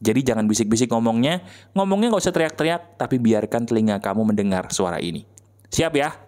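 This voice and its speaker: A man's voice: mid-range voice, expressive, fast talker, a little mellow. Chatty male motivational speaker. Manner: conversational, asks the listener rhetorical questions; coaxing, gives step-by-step instructions. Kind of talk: motivational talk to viewers.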